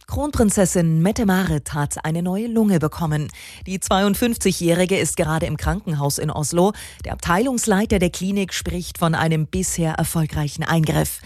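Female radio newsreader, low and steady, dry studio sound. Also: no room sound. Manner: even, measured delivery. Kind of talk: scripted radio news reading.

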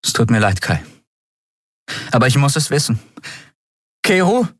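A man's voice: mid-range voice, big pitch swings, measured pace, no echo, clean studio sound, pitched above the performer's own voice. Endriel, a man voicing a stern young captain woman. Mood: pained. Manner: terse, demanding interrogation.

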